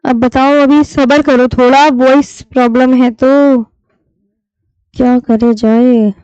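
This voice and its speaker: A woman teaching a live online class, patiently repeating key terms slowly for her students. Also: high-pitched, little pitch movement, darkish tone, clear, resonant tone, no echo. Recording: dull lo-fi stream audio.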